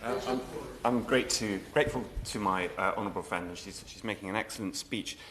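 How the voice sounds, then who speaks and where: Low-voiced man in parliament, noisy room. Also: fairly quick, a bit bright. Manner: formal, courteous, hesitant opening. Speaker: member of parliament. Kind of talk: parliamentary intervention. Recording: clear background noise, room ambience.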